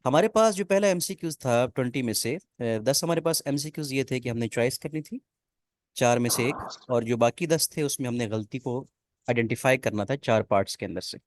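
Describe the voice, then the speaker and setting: A man's voice: medium pitch, brisk, no echo. Man teaching grammar, dry sound. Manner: explains step by step, checks often if students follow. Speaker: English teacher. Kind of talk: online class explanation.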